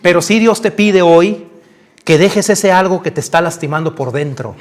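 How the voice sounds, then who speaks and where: A man's voice: high voice, normal speed. A man preaching, retelling a Bible story dramatically and speaking straight to the listener. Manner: addresses listener directly, acts out figures.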